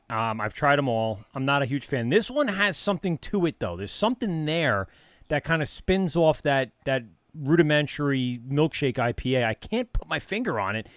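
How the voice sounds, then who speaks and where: A man's voice: fairly high pitch, no room sound, clean studio sound. A man with a New York accent hosting a casual beer podcast, rambling and laughing easily. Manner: laughing, rambling, restarts often. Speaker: podcast host. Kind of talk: casual chat.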